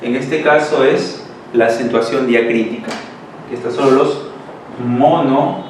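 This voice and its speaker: A man's voice: mid-range voice, steady tone, normal speed. A male language teacher giving a lesson, explaining rules step by step and checking in with his students. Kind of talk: classroom lesson at a board. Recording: echoey room, mic far off, faint hiss.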